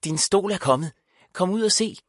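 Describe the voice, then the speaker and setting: A man's voice: high-pitched, animated, no echo, clean studio sound, voice pushed up. A man doing an eager, cheerful mother. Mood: eager, upbeat. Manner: brisk and eager.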